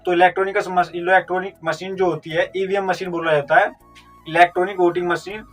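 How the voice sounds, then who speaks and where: A high-voiced man teaching vocabulary with memory tricks, working through each word step by step and answering his own questions. He sounds set back from the microphone, and faint music plays underneath. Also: level tone, brisk. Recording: distant mic with faint music.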